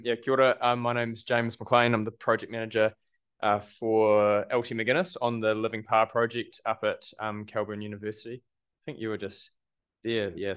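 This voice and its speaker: A man's voice: fairly low pitch, fairly bright tone, clean tone. A man, a project manager giving an informal, jokey presentation with frequent ums. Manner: casual, jokey, hesitant with ums.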